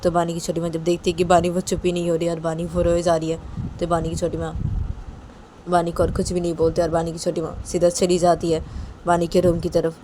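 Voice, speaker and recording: A woman's voice: fairly low pitch, monotone, brisk, warm tone, a little hiss or hum. A woman narrating a homemade story in a casual, rambling and repetitive way.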